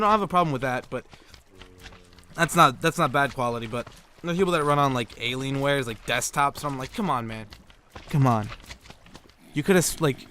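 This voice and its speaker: There's a sharp edge to this gaming YouTuber's medium-pitched voice as he rambles through a comic tale from when he was a kid. Curse words and "like" fill his speech, he laughs at his punchlines, and a little background noise can be heard.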